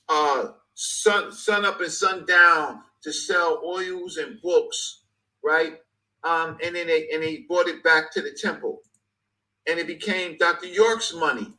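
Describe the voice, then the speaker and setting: A man's voice: high-pitched, pushed and bright, low-quality recording. A man in his fifties speaking passionately in conversation, stressing points by repeating phrases. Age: 50s. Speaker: guest speaker.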